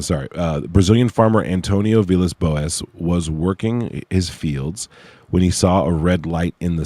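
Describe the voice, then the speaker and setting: A man's voice: low voice, dark tone, no room sound. A man hosting a casual livestream in an informal, slangy, hesitant way, with a slight whistle on his s sounds. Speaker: livestream host presenting own research project. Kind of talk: casual livestream chat with read-aloud case notes.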